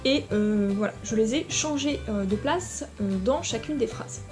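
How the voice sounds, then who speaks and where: A woman's voice: fairly high pitch, measured pace, a little mellow, faint music behind. A woman teaching a short lesson, talking directly to the viewer in an informal way with frequent hesitations. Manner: informal, addresses viewer directly, many fillers. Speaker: Latin teacher. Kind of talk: explanatory lesson video.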